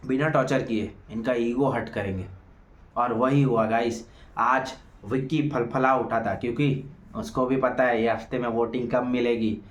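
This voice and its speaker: A man giving a heated, mocking review of a reality show episode, talking straight to his viewers. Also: mid-range voice. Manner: heated, mocking, addresses viewers as guys and friends. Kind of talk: opinionated show review commentary. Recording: echoey room.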